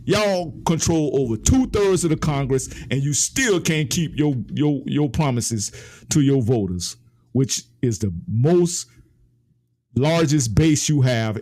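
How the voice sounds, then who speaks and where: A man's voice: animated, unhurried, darkish tone. A man giving heated, emphatic political commentary, his voice climbing as he argues. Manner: impassioned, emphatic, rises in pitch when ranting.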